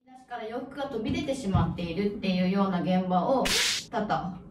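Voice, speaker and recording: A woman's voice: mid-range voice, animated, fairly quick, loud music behind the voice. A Japanese woman guest in a casual group chat, friendly, agreeing often with short interjections. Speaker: organizing adviser, guest. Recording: echoey room, mic at a distance.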